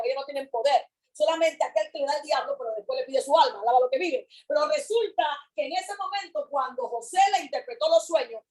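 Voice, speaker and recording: Picture a woman preaching with a high voice. She repeats her lines with fervor and swings between loud calls and hushed words. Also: low-quality recording. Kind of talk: sermon.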